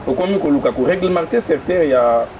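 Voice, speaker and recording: A male interviewer asks long, winding questions, pausing often to search for words. His voice sits a little high, and a faint noise runs underneath. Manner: hesitant, many "euh" fillers.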